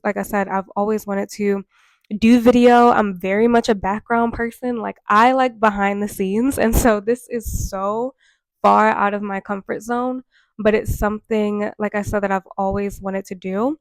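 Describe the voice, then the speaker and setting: With a medium pitch, steady tone and measured pace, a woman in her twenties chats earnestly to camera in a casual vlog. A cold leaves her nasal and tired, and she uses many fillers. The recording has no room sound.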